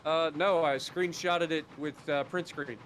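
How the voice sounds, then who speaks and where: A man's voice: a little high, fairly even intonation, measured pace, fairly bright tone, a little hiss or hum. A man streaming a train game, chatting casually and swearing now and then. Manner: laid-back, swears casually. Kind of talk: casual gameplay chat.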